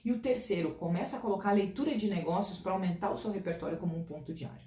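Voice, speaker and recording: A woman from Brazil talks through career tips in a chatty, informal way, her voice mellow and a little dark. She sits away from the mic in a room with a noticeable echo. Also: medium pitch, fast. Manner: chatty and informal, direct advice. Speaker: career advice vlogger. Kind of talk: casual career-advice talk to camera. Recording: distant mic in an echoey room.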